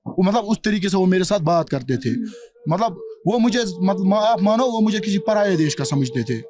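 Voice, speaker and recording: A man's voice: high voice, expressive, normal speed. A man from Kashmir answering a street interview bluntly and defiantly. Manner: blunt, defiant, repeats himself. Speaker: local resident.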